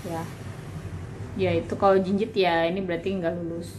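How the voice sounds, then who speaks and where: A woman's voice: on the low side, little pitch movement, moderate pace, darkish tone, a little hiss or hum. A young woman hosting a parenting channel, with an Indonesian accent, casually explaining a checklist step by step and addressing viewers as "Mam".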